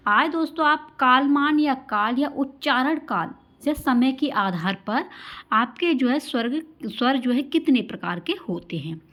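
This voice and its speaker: A woman teaching an exam-prep grammar lesson, calling her viewers friends, asking questions and answering them herself, and drawing out example sounds slowly. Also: high-pitched, animated, a bit bright. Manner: addresses listeners as friends, asks and answers own questions.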